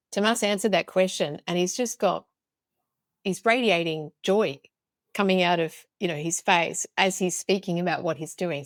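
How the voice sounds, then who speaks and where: A woman's voice: lowish voice, no room sound. A woman hosting a podcast interview, speaking in an enthusiastic, upbeat way. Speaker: podcast host.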